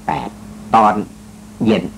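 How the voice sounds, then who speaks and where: A man's voice: slow pace, slight background noise, rough recording. A man hosting a talk show, telling a story with teasing jokes in a casual, polite manner. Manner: joking, teasing, chatty storyteller; polite, with frequent particles. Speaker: radio talk host. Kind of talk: casual spoken commentary.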